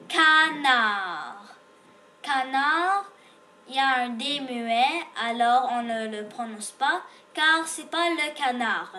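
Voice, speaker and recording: A woman's voice: high voice, bright, forceful tone, slight background noise. A woman teaching beginners to read, sounding out letters and repeating each word patiently. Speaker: French reading teacher. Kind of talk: slow beginner reading lesson.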